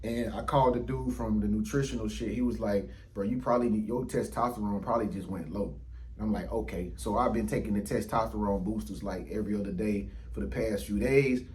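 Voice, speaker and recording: A man in his thirties hosts his own YouTube channel from indoors under ring lights, chatting casually to the camera. His fairly low voice is steady, fairly quick, and a little mellow, and his slangy, profane talk rambles with lots of fillers over a rough recording.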